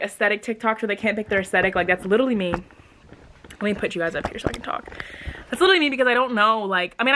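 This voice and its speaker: A woman's voice: medium pitch, fairly bright tone. A young American woman vlogger chatting casually to the camera at home, rambling with lots of "like". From Maryland, United States. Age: young adult. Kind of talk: casual day-in-the-life vlog chat to camera. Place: rooms at home, indoors. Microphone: camera at arm's length or propped nearby. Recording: clearly noisy home camera audio.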